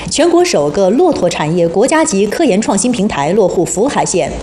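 Female, formal news anchor, standard mainland Mandarin, warm dark timbre, roomy studio, faint noise. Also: medium pitch, big pitch swings, normal speed. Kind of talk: formal scripted news presenting.

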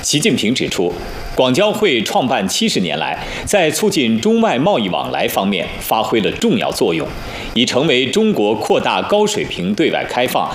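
A male formal news anchor delivers scripted news in standard mainland Mandarin. His mid-pitched voice moves through very wide intonation. The sound is roomy. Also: slight background noise. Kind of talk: scripted national newscast.

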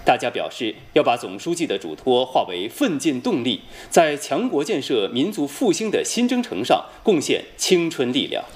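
A man with a standard mainland Mandarin accent reading scripted news as an anchor, formal, measured and precisely enunciated. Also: medium pitch, big pitch swings. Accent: standard mainland Chinese Mandarin.

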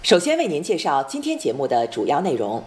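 A woman with a standard mainland Mandarin accent reads scripted broadcast news as a formal, measured anchor. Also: low-pitched, huge pitch swings, a little hiss or hum. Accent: standard mainland Chinese Mandarin.

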